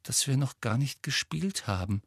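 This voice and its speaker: A gloomy, tired teenage girl from a storybook, voiced by a man. She speaks quietly and wearily, drained of fight. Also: medium pitch, expressive, moderate pace, creaky, husky, no room sound, clean studio sound, pitched above the performer's own voice. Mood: weary.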